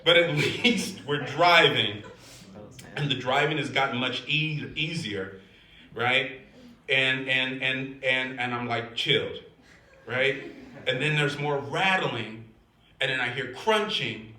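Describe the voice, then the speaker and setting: An older man doing stand-up comedy, animated, shifting between loud laughing punchlines and quiet somber asides. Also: medium pitch. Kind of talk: stand-up storytelling. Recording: echoey room with faint noise.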